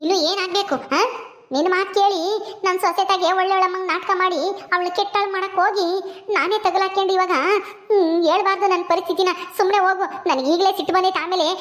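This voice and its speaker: A woman's voice: very high-pitched, fairly even intonation, fast, a bit bright. A woman playing a bitter older mother thrown out of her home, scolding and quarrelsome, in a comic village skit.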